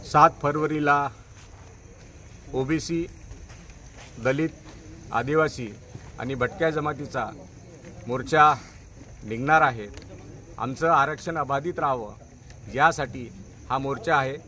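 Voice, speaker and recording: A man's voice: mid-range voice, takes it slowly, long pauses, sharp tone, slight background noise. A man speaking emphatically to reporters at a press conference, in short punchy phrases. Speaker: protest organizer at a press conference.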